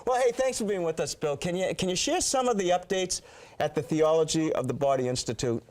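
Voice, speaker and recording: Friendly TV host with a light pitch. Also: male voice, lively intonation, brisk, darkish tone. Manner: friendly, joking questions. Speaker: TV show host. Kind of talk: TV studio interview.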